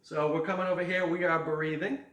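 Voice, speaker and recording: A man's voice: a little high, flat delivery, fairly quick, fairly bright tone, roomy sound, recorded from a distance. A man as fitness coach, leading a guided stretching class with jokes and countdowns. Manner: joking, upbeat instruction with counting. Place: fitness studio.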